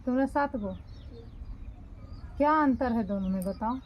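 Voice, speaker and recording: A woman home tutor, slowly correcting a dictation and spelling words out syllable by syllable. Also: fairly high pitch, highs cut off, slight background noise.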